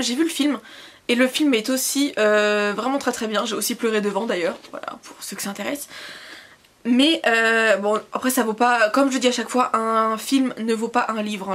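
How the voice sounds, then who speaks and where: A young woman reviewing books in a casual vlog, rambling and hesitant, full of fillers and self-corrections, and quick to poke fun at herself. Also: on the high side, a bit bright, slight background noise. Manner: self-deprecating, laughs at herself. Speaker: book vlogger.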